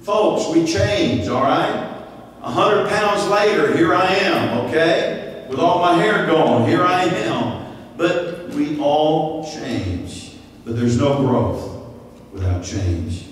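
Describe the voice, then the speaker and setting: A man, preaching a sermon at a stand mic in a church, animated, with sudden high-pitched voices for the people he quotes. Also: takes it slowly, far from the mic. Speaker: pastor. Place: church sanctuary. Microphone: stand mic at lectern. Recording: echoey hall, from off-mic.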